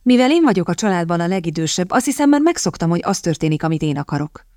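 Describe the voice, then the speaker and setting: A woman voicing a headstrong young lady with a sharp, insistent manner, read in a low, dry voice. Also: big pitch swings, dry recording. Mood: softened.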